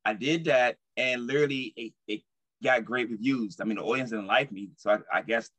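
Fairly quick and medium-pitched, a young adult stage actor chats informally and earnestly as a video-call interview guest from an indoor room at home, repeating his phrases often. A crowd can be heard in the background.

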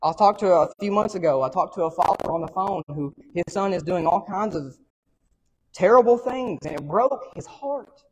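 High-voiced preacher man. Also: lively intonation, normal speed, husky, big-room sound, low-quality recording. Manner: earnest preaching, repeats phrases for emphasis. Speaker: pastor. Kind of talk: sermon.

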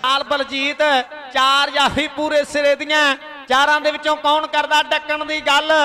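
A man's voice: very high voice, completely flat delivery, normal speed, bright, forceful tone. A man doing live kabaddi commentary, chanting repeated words and rhymed sayings.

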